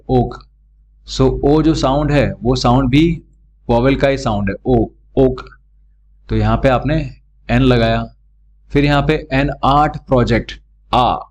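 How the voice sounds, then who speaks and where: A male grammar teacher, teaching a lesson slowly, repeating each sound and answering his own questions. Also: medium pitch, a little hiss or hum. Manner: slow, repeats and drills words and sounds, asks questions and answers them himself. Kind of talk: classroom lesson explaining grammar.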